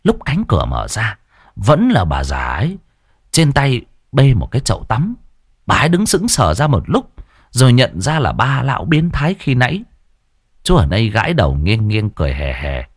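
A man, narrating a ghost story in a lively, colorful way. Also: mid-range voice, normal speed, breathy edge, no echo, studio quality.

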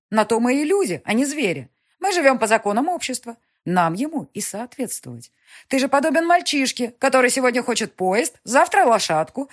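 A woman doing a shrill imperious countess mother. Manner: scolding, shrill and overbearing. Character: imperious aristocratic middle-aged countess mother.

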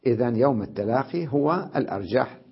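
A man teaching an Arabic grammar lesson on Quranic recitation, explaining patiently, often checking understanding and slowing down to demonstrate how words are recited. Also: mid-range voice, expressive, vocal fry, breathy edge. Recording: dull lo-fi lesson recording.

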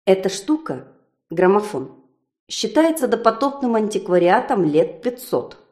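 A woman reading an audiobook and voicing a male spaceship's AI, loud, clear and deliberate. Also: on the low side, sing-song. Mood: measured. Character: spaceship's AI, male, dry and precise. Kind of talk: audiobook character voice.

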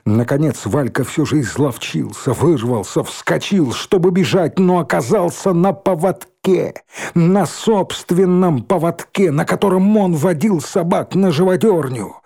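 A man reading a story aloud in an expressive, dramatic narrating style. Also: fairly high pitch, unhurried, vocal fry, slightly rough. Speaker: audiobook reader.

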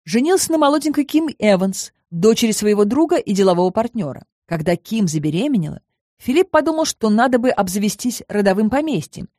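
A woman's voice: medium pitch, animated, dark tone, no room sound, studio quality, close to an everyday voice. Woman reading as a wry, erudite young man. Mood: wry, explaining. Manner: measured, lightly ironic explaining. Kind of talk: audiobook reading.

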